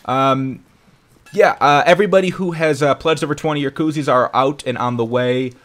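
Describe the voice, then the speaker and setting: A man's voice: mid-range voice, moderate pace, fairly bright tone. Upbeat rambling young man streaming. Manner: rambling, self-correcting, upbeat. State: hiccuping. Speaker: streamer hosting a live commentary. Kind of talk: casual live-stream chat.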